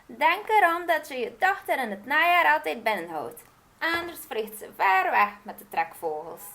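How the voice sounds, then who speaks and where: A high, shrill old witch barks her answers in a storybook tale, put on by a woman reading aloud. She is brusque and matter-of-fact, her voice leaping about with a gravelly edge. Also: very animated, a little slow, heavily acted. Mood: warning. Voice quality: shrill, loud calls.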